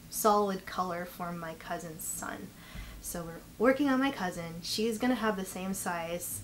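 A woman's voice: medium pitch, rough recording. Young woman chatting while chewing gum. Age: young adult. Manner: chewing gum while talking, slightly mushy articulation. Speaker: knitting vlogger and host. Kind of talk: casual chat to camera. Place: indoor living room, seated by a couch. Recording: clear background room noise.

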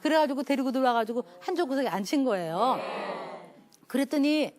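A woman's voice: high voice, expressive, a little fast, noisy background. A middle-aged woman professor giving a parenting lecture, telling anecdotes animatedly, acting out quoted voices and laughing often. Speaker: professor teaching a parenting class.

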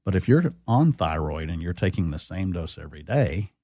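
A man's voice: sits low, big pitch swings, normal speed, mellow, no room sound. A man, a doctor as guest expert, explaining in a teacherly way and quizzing the host with questions. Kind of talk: explanatory interview.

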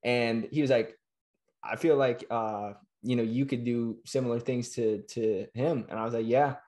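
Speaking into a webcam or laptop mic, a man in his twenties hosts a podcast from a small home room in a casual video-call interview. His mid-range voice is darkish with fairly even intonation, and his manner is upbeat and friendly with quick affirmations.

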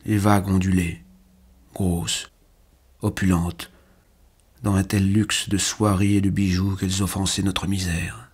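Husky male audiobook narrator. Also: deep voice, flat delivery, measured pace, long pauses. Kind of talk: scripted first-person literary narration.

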